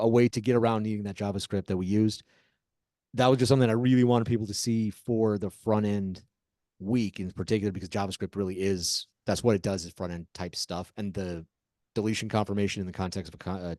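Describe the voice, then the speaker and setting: Low-voiced man dictating code slowly. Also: a little mellow, dry recording, studio quality. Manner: dictating code word by word, with deliberate pauses. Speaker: programming instructor. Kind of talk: live coding lesson.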